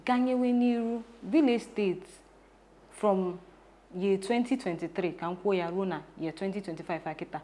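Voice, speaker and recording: A woman interviewer speaks with an Igbo Nigerian accent at a medium pitch. Her delivery is conversational, with English words mixed into her Igbo. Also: normal speed, warm tone.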